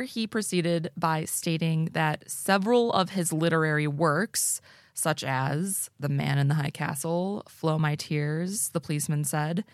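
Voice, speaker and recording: A woman's voice: fairly low pitch, dry recording, clean studio sound. A woman co-hosting a podcast recorded in an attic, telling a story in a casual, informal way. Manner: informal, swearing. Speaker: podcast co-host.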